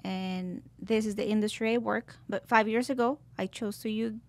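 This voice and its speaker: A Colombian-born woman in her twenties, a guest barber in a podcast interview, telling her story in a thoughtful, lightly halting way. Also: medium pitch, fairly even intonation, a little mellow. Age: 20s. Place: podcast studio.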